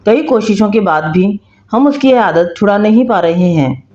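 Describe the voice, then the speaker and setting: A commanding storybook emperor, regal and quick to anger, who refers to himself as "we", as a woman narrator voices him. The voice sits at a middle pitch. The recording is roomy and slightly dull. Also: expressive, a little mellow, lightly acted.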